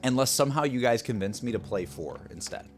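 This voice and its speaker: Man, streamer, casual gameplay chat, animated pitch, faint music behind. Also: brisk. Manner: rambling, chatty, talks to chat.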